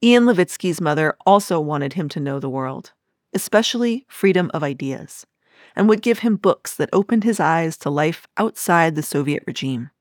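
Female podcast host, measured scripted narration, dry close sound. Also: low-pitched, lively intonation, no room sound.

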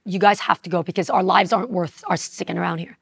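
A woman in her forties from Iran, recounting her life story in a reflective, unhurried way. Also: fairly low pitch, steady tone, gravelly, slightly rough. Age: 40s. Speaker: interview guest. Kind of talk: personal storytelling.

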